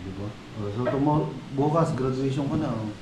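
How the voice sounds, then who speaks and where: A woman's voice: very deep voice, fairly quick. A woman chatting casually with family at home. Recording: noisy, echoey home video.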